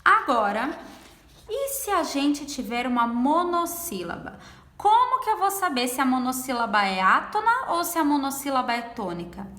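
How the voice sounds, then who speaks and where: A woman teaching a grammar lesson in a high, lively voice that rises and falls a lot. She draws out example words slowly and checks with her listeners as she goes. The room is echoey, with a long reverb. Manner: slow, drawn-out pronunciation of example words; explains patiently and checks understanding with questions. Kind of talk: Portuguese language lesson.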